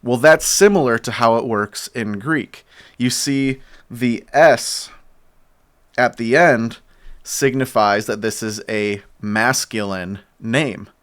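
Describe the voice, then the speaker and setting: Slow, clear-voiced man teaching. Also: mid-range voice, fairly bright tone. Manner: slow, explanatory, pauses while writing. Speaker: church teacher. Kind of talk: whiteboard bible lesson.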